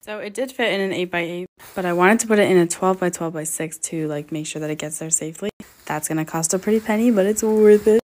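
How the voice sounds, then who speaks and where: A young woman with a slightly low voice narrates in a casual, chatty way as she packs orders for her shop. She runs through items one after another in an upbeat tone. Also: fast. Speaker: crystal shop owner.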